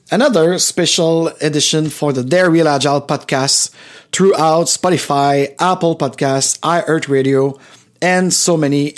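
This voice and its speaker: Male livestream host, slightly high pitch, loose unscripted monologue with emphatic repetition. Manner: rambling, repeats phrases for emphasis. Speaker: podcast host and coach.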